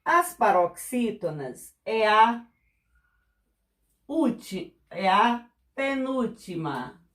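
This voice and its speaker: A woman's voice: fairly high pitch, very animated, a bit bright. A woman explaining lesson material as a teacher, patient and repetitive, often checking whether her students follow. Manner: slow, patient, repeats examples and checks understanding. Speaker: Portuguese teacher. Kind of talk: classroom explanation.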